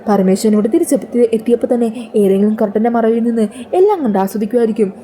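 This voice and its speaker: A stern old matriarch scolds and scoffs in a dark, mellow voice, as a woman narrator plays her. She speaks quickly with a cutting edge. The voice stays close to the reader's own. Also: a little high, animated, lightly acted. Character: stern old grandmother, sharp-tongued matriarch.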